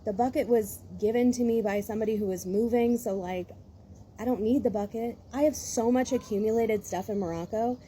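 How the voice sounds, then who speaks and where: A woman's voice: a little high, brisk, dark tone, slight background noise. Exasperated, rambling woman venting. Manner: rambling and exasperated, with many restarts. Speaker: vlogger. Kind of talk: casual rant to camera.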